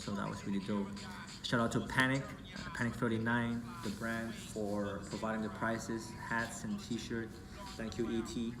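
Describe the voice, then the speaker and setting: Born in Hong Kong and raised in the UK, a man acting as an event organizer gives a casual, rambling thank-you speech packed with fillers and self-corrections. His voice is mid-range, the sound is reverberant, and the background is noisy.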